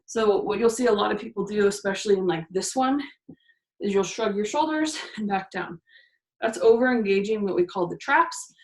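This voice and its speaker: A woman's voice: medium pitch, moderate pace. Woman coaching exercises in an echoey room. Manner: talks through each move while doing it, counting reps. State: a little out of breath. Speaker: fitness instructor. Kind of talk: exercise demonstration. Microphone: camera mic from a distance. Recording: echoey room, voice far from the mic.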